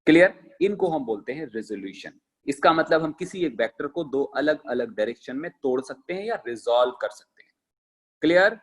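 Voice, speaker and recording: A male teacher giving a classroom lecture, asking the class rhetorical questions and repeating phrases slowly so students can write them down on words. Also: on the high side, expressive, fairly bright tone, low-quality recording. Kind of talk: classroom lecture, dictating notes.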